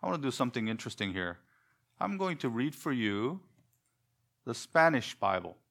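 A man whose first language is Korean, preaching an expository sermon in church with a measured, deliberate delivery and rhetorical questions. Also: medium pitch, big pitch swings, gravelly, fairly bright tone. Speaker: pastor. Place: church sanctuary.

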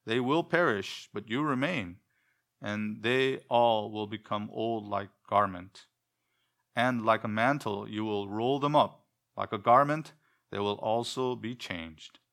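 A man's voice: on the low side, vocal fry, fairly bright tone. Korean-born man preaching a sermon. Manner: measured, deliberate delivery with slowed emphasis and rhetorical questions. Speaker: pastor. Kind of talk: expository sermon. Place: church sanctuary.

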